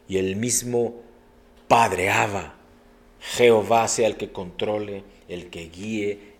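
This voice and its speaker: Male pastor, middle-aged, low voice, earnest preacherly sermon delivery. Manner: earnest, preacherly, with sudden emphatic rises.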